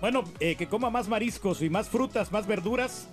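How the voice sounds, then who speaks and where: High-voiced male co-host over loud music. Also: moderate pace. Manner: easygoing, many fillers. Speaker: radio co-host. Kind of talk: casual chat.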